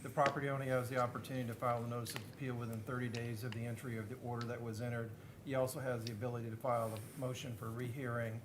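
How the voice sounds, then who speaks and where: City attorney, male, American. Average pitch, explanatory and informal wording in a legal setting, light room noise. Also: little pitch movement, rapid-fire. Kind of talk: legal explanation and witness questioning. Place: public hearing room.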